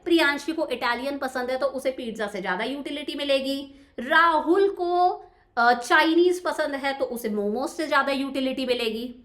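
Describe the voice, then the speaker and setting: High-voiced, lively woman teaching a lesson. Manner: chatty, addresses students directly with repeated check-ins. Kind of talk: animated classroom lecture.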